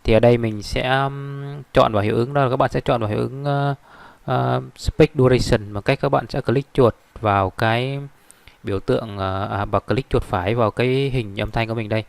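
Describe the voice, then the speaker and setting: A man walks through a software tutorial at his desk, talking fast in a gravelly, creaky voice. His delivery rambles along with fillers and restarts, and the recording sounds close and dry. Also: medium pitch, steady tone, no room sound.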